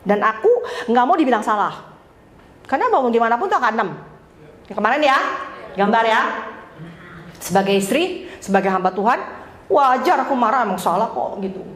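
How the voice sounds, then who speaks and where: Woman, high voice, church class teacher, lively and self-mocking, roomy hall echo. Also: fairly quick, pauses often, slight background noise. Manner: lively, self-mocking, laughs often while telling. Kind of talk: informal teaching with personal stories.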